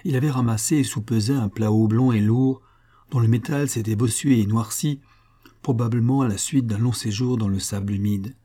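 Man narrating an audiobook, mellow tone, calm and even. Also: medium pitch, normal speed.

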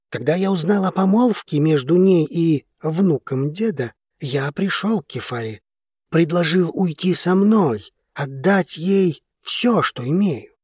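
Guy doing a defiant young fighter in an audiobook, a bit high, husky. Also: darkish tone, no room sound, studio quality.

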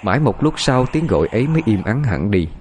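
A man giving steady, scripted narration of a ghost story. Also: fairly low pitch, fast, slight background noise.

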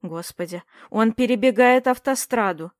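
An anxious, reproachful wife with a shrill, high voice, as a woman narrator puts her on. She scolds and frets in sharp bursts. Dry, close recording. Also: moderate pace, no room sound, close to an everyday voice. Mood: alarmed.

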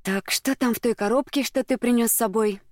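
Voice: medium pitch, a little fast, darkish tone, no room sound, studio quality, voice pushed up, close to an everyday voice. A reader voicing Clelia, an emotional young woman. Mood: tearful, excited. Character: emotional young woman in love, tearful and eager.

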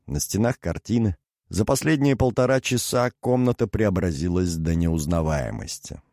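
Low-voiced male audiobook narrator. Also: lively intonation, moderate pace, creaky, a little mellow, dry recording, clean studio sound.

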